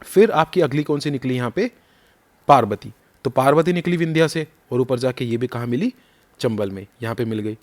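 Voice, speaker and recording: A man with a middle-pitched voice and a slightly sore throat gives a brisk map lesson for exam prep. He quizzes the listener along the way and keeps repeating the key names.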